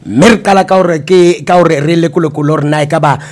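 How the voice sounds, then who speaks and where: Man, smooth radio host, rapid delivery, upbeat rhythmic phrasing. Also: a little high, fairly even intonation, darkish tone.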